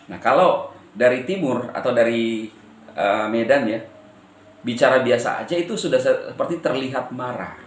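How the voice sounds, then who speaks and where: A man from eastern Indonesia addressing his viewers as a channel host, with a firm intonation that can sound stern even when he is calm. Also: mid-range voice, normal speed, reverberant. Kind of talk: direct-to-camera address to viewers.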